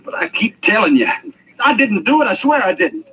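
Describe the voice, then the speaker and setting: A man's voice: high voice, sing-song, normal speed, bright, forceful tone, exaggerated voice. An actor playing a young accused man, pleading and protesting desperately in an old-time radio drama. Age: young adult. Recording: muffled, hissy old radio recording.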